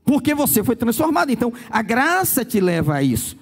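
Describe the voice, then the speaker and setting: A man's voice: very high voice, very animated, a little fast, husky, faint music behind. A Brazilian pastor preaching a sermon, telling stories and acting out the people he quotes. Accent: Brazilian Portuguese. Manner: storytelling preacher, acts out quoted voices.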